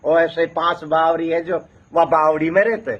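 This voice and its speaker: This traditional community storyteller from North India has a rural Haryana-Rajasthan accent and relates oral history with emphasis, his repeated phrases building into a chant. His pitch is on the high side, his tone level, and his pace moderate. The sound quality is lo-fi.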